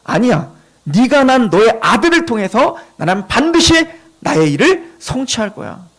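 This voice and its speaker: A man's voice: very high-pitched, moderate pace, exaggerated voice. A man voicing God as a firm, insistent divine father in a sermon retelling. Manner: steady, reassuring, insisting.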